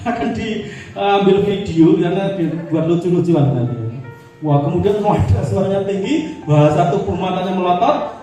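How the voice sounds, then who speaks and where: A man's voice: sits high, mellow. A man giving a chatty presentation to fellow teachers, full of fillers and acted-out classroom examples. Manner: chatty, frequent fillers, acts out teacher voices. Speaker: teacher leading a training session. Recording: echoey room, mic far off, faint music.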